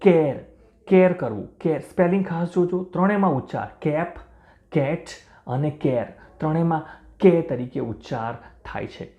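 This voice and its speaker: A man teaching English pronunciation to beginners, spelling out words letter by letter and repeating each one slowly and clearly. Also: fairly high pitch, animated, muffled recording. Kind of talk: language lesson for beginners. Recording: roomy echo.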